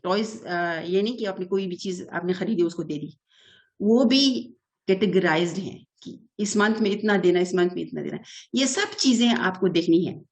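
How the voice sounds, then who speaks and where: A woman's voice: fairly low pitch, moderate pace. A middle-aged woman, an early childhood development expert giving an earnest interview answer that is full of English terms and short hesitations. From Pakistan.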